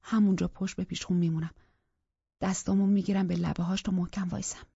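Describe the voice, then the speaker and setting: Husky woman reading a thriller. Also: lowish voice, level tone, dark tone, dry recording, highs cut off. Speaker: audiobook narrator. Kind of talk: first-person thriller narration.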